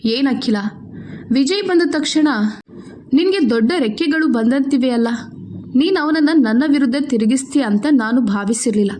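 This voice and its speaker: Bossy, scheming mother-in-law in a storybook reading, harsh and cold, read by a high-voiced woman. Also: animated, normal speed, a little mellow. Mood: sneering. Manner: harsh, scolding.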